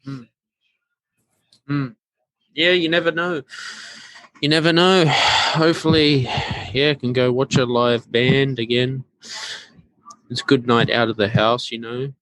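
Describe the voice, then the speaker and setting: A man hosting a podcast, chatting in a laid-back, halting way with lots of fillers and murmured agreement. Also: medium pitch, steady tone, fairly bright tone, no echo. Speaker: podcast host. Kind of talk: casual podcast chat.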